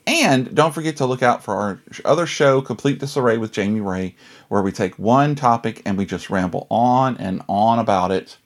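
A man's voice: mid-range voice, normal speed. A man hosting a podcast in a casual, chatty style. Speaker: podcast host.

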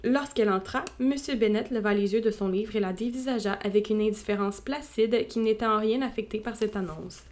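A woman podcast host reading a classic novel aloud as audiobook narration, steady with playful asides. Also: mid-range voice, fairly quick, hardly any pauses.

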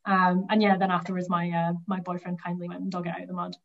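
A woman from the Highlands of Scotland with a Highland Scottish accent, chatting casually as a runner in an interview and thinking aloud. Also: flat delivery, fast, vocal fry, phone-quality sound. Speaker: cross country runner being interviewed.

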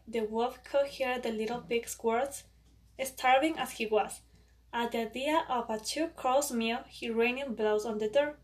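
A woman reading a children's story aloud in a plain, even way, recorded from some distance. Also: a little high. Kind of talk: storybook narration. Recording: distant from the mic.

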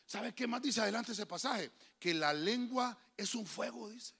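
A man preaching a lively sermon to a church congregation in a Honduran accent, quizzing the listeners and swinging from loud calls to low whispers. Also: unhurried, creaky, slightly rough. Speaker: pastor.

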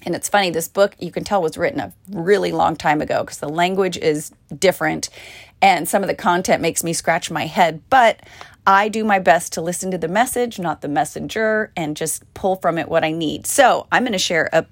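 Muffled, closet-recorded American woman, low-voiced. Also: normal speed, no room sound. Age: middle-aged or older. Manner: encouraging, heartfelt. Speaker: podcast host, working actor. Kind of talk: casual inspirational solo podcast talk. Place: small clothes closet at home, indoors.

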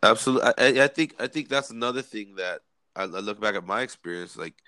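A man with a lowish voice from California asks questions as a host, talking in a halting way full of fillers. His voice sounds close and dry, with no room around it. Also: bright, forceful tone, no echo. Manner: hesitant, many fillers. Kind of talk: casual conversation.

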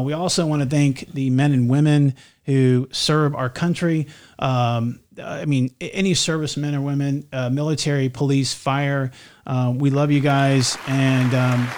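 A man hosting a casual faith podcast, his voice sitting in a middle register. He rambles, restarts his sentences and jokes with his co-host, with a slight lisp. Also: medium pitch. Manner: rambling, self-correcting, joking.

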